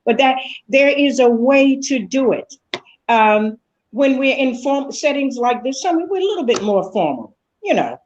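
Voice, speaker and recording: An older woman on a live panel show, sharing folksy stories and parables to make her point. Her voice sits a bit high, and the stream audio sounds dull and lo-fi. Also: big pitch swings, moderate pace, slight background noise. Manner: folksy, teaching through parables. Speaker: panel guest.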